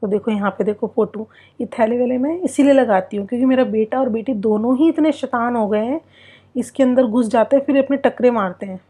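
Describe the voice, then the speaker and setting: A woman's voice: a little high, dark tone. Chatty young Indian woman vlogging. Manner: chatty, confiding, rambling. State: sleepy. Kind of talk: casual vlog narration.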